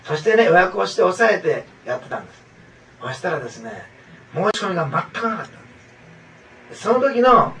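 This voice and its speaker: A man's voice: high voice, big pitch swings, brisk, a bit bright, far from the mic, slight background noise, low-quality recording. A man preaching a sermon as pastor, earnest and repetitive, with frequent asides to the congregation.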